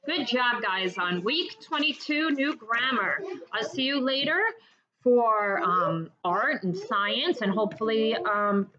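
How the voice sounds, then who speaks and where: A woman's voice: fairly high pitch, animated, slow, dull audio. Upbeat woman teaching children. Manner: cheerful, encouraging, sings memory songs. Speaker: homeschool tutor. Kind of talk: online class lesson for children.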